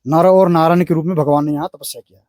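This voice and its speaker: Slightly high male voice explaining religious lore. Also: steady tone, fast talker, darkish tone, no room sound, clean studio sound.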